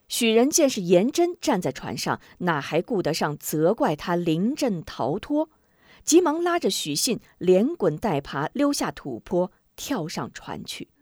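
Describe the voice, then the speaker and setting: Lively woman telling a martial-arts tale. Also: fairly low pitch, breathy edge, dry recording, clean studio sound. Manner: lively, acts out shouting characters. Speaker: storyteller. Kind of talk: dramatic martial-arts story narration.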